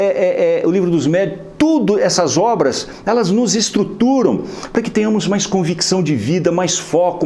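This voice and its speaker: Brazilian guy lecturing at a spiritist center, chatty and animated, voice swings all over, kinda high pitched. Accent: Brazilian Portuguese. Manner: lively, conversational, frequent tag questions. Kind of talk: inspirational lecture with a humorous story.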